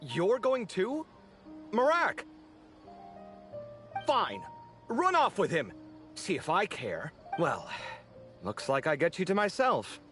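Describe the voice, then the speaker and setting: A man's voice: high voice, heavily acted. An actor playing a friendly, earnest young male architect in a video game, who talks easily and apologizes readily. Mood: concerned. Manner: warm, expressive and talkative, quick to apologize. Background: soft game music.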